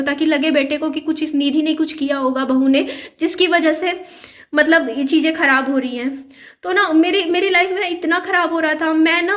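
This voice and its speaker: A woman's voice: high voice, fairly bright tone. A young woman vlogger earnestly recounting personal events to her viewers, with many fillers and repeated phrases. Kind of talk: personal storytelling to camera.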